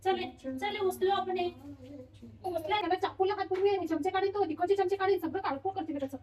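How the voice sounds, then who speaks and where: A woman's voice: very high-pitched, steady tone, fairly quick, darkish tone, dull audio. A mother chatting casually at home in her kitchen for a vlog, coaxing and playing with her toddler in a playful sing-song way.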